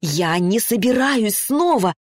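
A woman's voice: fairly high pitch, lively intonation, slow pace, dry recording, voice pushed up. A proud young heroine from a romance audiobook, read by a woman. She protests in a raised, indignant voice. The room sounds dry and close. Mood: pleading.

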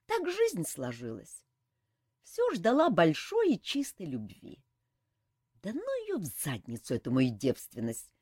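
A woman's voice: on the low side, wildly swooping pitch, unhurried, darkish tone, husky, no room sound, studio quality, exaggerated voice. A woman reading an audiobook, voicing a blunt, offhand young woman.

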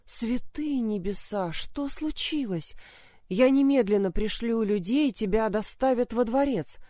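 A woman's voice: fairly high pitch, normal speed, mellow, dry recording, clean studio sound, voice pushed up, lightly acted. A woman voicing an anxious, tearful young noblewoman who speaks with urgent distress.

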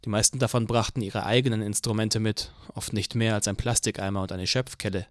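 A man's voice: fairly low pitch, steady tone, fairly quick, no room sound. Man narrating an audiobook, dry and close. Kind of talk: scripted narration.

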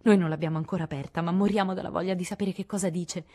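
A woman's voice: fairly low pitch, steady tone, rapid-fire, darkish tone, close to an everyday voice. A woman reading an audiobook, voicing an eager, outspoken teenage girl. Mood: excited. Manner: eager, gushing.

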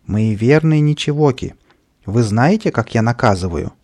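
A man's voice: medium pitch, animated, normal speed. A man playing a bossy, bratty little boy tyrant. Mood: bossy shouting. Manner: loud, stamping, demanding.

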